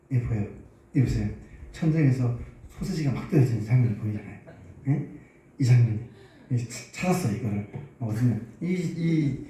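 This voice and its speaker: A man's voice: a little high, warm tone. A male pastor telling a story in a sermon, often asking the congregation questions. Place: church sanctuary. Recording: echoey church hall, distant mic.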